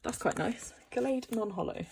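Excitable woman opening trading cards. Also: on the high side, normal speed, vocal fry, a little hiss or hum. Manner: excitable, gasping and exclaiming over pulls. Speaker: card-opening vlogger. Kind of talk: casual unboxing chat.

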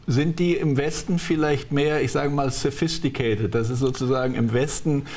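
A man's voice: medium pitch, steady tone, normal speed, a little mellow. Middle-aged male talk-show host. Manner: long winding questions with fillers. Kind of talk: moderating a studio discussion. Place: TV studio.

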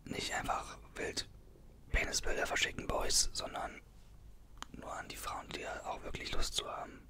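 A young man speaks in a hushed, breathy whisper for ASMR. The sound is crisp and bright, right up at a desktop microphone. He reads aloud and drops in casual, chatty asides. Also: moderate pace. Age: 20s. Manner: informal, conversational asides. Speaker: ASMR creator. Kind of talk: ASMR, reading an article aloud with casual comments. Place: small bedroom. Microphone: desktop condenser microphone, close up.

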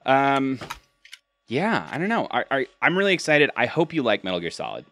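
A man's voice: medium pitch, sing-song, normal speed, a bit bright, slight background noise. A young man chatting casually and informally as a game stream host, rambling a little, close to the mic. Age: young adult. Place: small room indoors, home streaming setup. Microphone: close microphone on a boom arm.

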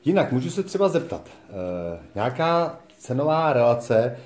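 A man in his thirties hosts a casual handheld vlog from a small hair salon, filming on a phone at arm's length. He's playful and jokey, drawing out his words in a sing-song way. His medium-pitched, darkish voice sounds reverberant.

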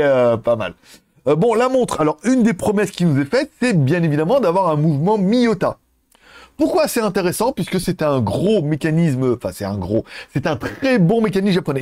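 A man's voice: on the high side, darkish tone, no room sound, clean studio sound. A man hosting a casual product review vlog, joking and playful, with lots of asides. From France. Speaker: product reviewer and channel host.

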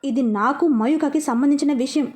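A man's voice: extremely high pitch, moderate pace, a little mellow. A woman voicing a rich young man pleading with and pressing the woman he loves. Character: wealthy young male suitor, pleading yet pushy.

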